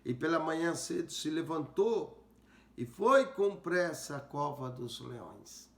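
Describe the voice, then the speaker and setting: Slow, deliberate male pastor, roomy echo. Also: fairly high pitch, animated. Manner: slow, deliberate, rereads verses aloud and comments. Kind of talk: Bible teaching sermon.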